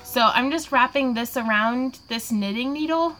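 A woman in her 20s with a slightly high, somewhat bright voice hosts a live craft Q&A at a moderate pace, faint music behind her. A little tipsy, she chats while crafting, giggling, rambling and laughing often.

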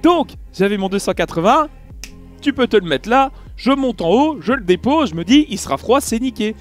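A man from France telling a casual vlog story, animated and full of fillers, acting out the people he talks to. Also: very high voice, moderate pace, soft background music. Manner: animated, acts out dialogue, many fillers. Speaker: YouTuber recounting an event.

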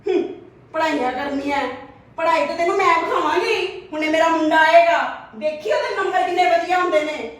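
A woman playing a sneering, high-voiced rich lady in an echoey room. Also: a little fast, far from the mic. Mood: mocking. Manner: taunting, sneering, laughing mockingly. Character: scornful rich woman mocking her maid's daughter. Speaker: actor in a short family drama.

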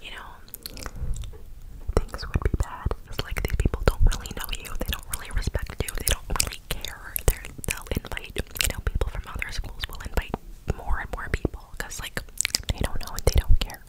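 Young woman doing asmr cupped hand whispers, breathy n close on the mic, rambly casual storytelling. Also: normal speed, poor audio. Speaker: ASMR video creator. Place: small bedroom, indoors. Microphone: close desktop condenser microphone.

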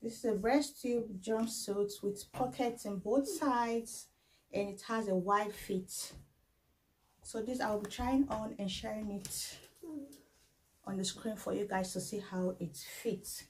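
Slow-talking woman vlogger at home. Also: medium pitch, fairly even intonation, a little mellow, poor audio. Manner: unhurried, halting, with frequent fillers. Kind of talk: casual try-on haul vlog. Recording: faint background noise.

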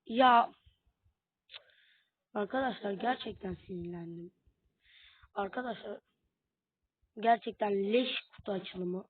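A woman's voice: mid-range voice, husky, dry recording. A young woman doing casual commentary while opening game boxes, talking straight to her viewers in a frustrated, exclaiming way. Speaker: gaming YouTuber. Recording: tinny phone-like audio, dry.

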